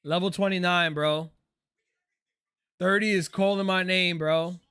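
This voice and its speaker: Measured and smooth, with a high-sitting voice, a streamer in his late twenties chats casually with his audience. He answers their questions while reacting to a ball game, relaxed and saying "bro."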